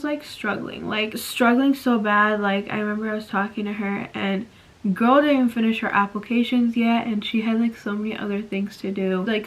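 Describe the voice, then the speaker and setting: A teenage girl in casual vlog chat, talking fast and filling her talk with "like", giving advice to viewers from her phone. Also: mid-range voice, rough recording. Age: teens. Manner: chatty, fast, lots of "like" fillers. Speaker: vlogger. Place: bedroom at night. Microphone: phone at arm's length.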